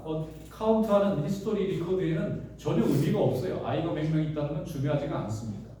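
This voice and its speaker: A high-voiced man preaches a sermon in a church sanctuary, retelling the story in a conversational style full of rhetorical questions. His tone is mellow and relaxed. The sound comes from a distance and rings strongly around the hall. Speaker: pastor.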